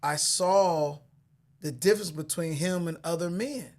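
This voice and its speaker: A man hosting a podcast interview, asking questions in a casual way and often halting to repeat words as he goes. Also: fairly high pitch, a little mellow. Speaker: podcast host.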